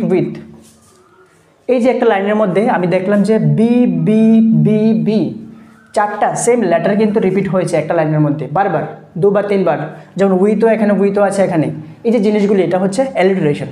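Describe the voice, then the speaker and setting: A woman teacher with a Bengali accent explaining terms slowly, repeating and spelling words and checking that her listeners follow. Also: medium pitch, mellow, reverberant. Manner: slow and repetitive, spells out words and checks understanding. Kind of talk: lecture explaining rhetoric terms.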